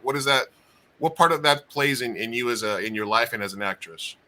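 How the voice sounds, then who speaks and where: Casual male podcast host with a bright, forceful voice who rambles through his questions. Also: medium pitch. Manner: rambling, halting, many fillers. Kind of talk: interview questions, casual chat.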